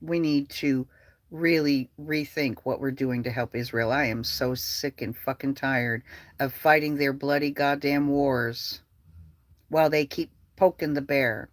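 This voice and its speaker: A heated political vlogger rants in a profane, repetitive way, circling back to the same complaints again and again. The voice sits at a middle pitch and sounds dry and close. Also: steady tone, unhurried, no echo. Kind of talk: angry political rant.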